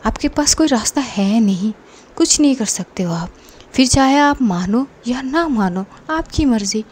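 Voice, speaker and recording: A woman's voice: on the high side, lively intonation, moderate pace, a little mellow, slightly rough. A woman voicing a bold, teasing young woman in love, talking back with playful defiance in a narrated story. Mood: defiant. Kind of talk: narrated story with acted dialogue.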